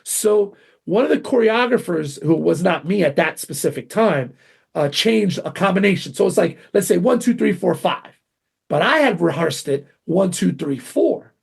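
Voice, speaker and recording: A middle-aged man, a martial arts grandmaster, telling animated stories in an interview, acting out quotes with sudden jumps in pitch. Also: moderate pace, vocal fry, breathy edge. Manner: excitable, acts out quotes with big pitch jumps.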